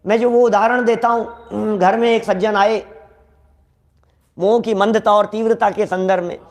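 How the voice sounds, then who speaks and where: A Jain scripture lecturer with a strikingly high voice preaches at a measured pace, animated and conversational, addressing listeners directly and repeating key lines. At times he acts out everyday dialogue to drive his point home.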